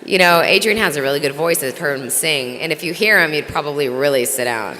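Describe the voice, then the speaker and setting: A woman's voice: sits low, a little fast, pushed and bright, slight background noise. A woman who co-anchors TV news, emceeing a live gala in a large banquet hall in a chatty, bantering way that turns solemn.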